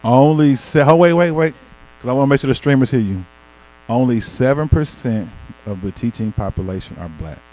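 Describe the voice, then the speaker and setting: A man from Arkansas with a Southern accent touched by a St. Louis twang, presenting in an animated, colloquial, folksy storytelling way. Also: mid-range voice, fairly quick, low-quality recording. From Arkansas, United States. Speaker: presenter at an education talk. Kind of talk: informal public speaking with storytelling.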